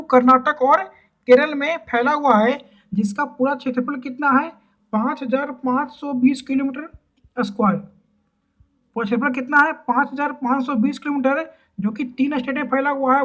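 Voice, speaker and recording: High-pitched woman teaching with repeated answers. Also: a bit bright, muffled recording. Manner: asks a question then repeats the answer; drawls and repeats words, frequent fillers. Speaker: exam-prep teacher. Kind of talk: quiz-style lesson.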